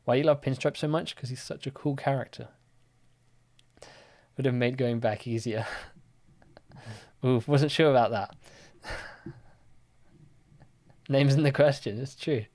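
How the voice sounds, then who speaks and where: A young man hosting a live quiz speaks a little slowly in a medium-pitched voice, with long pauses. His casual stream is chatty and relaxed, full of fillers, as he reads viewer comments and chat questions aloud and answers them.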